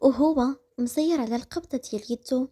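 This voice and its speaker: A woman with a Moroccan accent narrating a dramatic romance story in a brisk, vivid way. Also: high voice, warm tone.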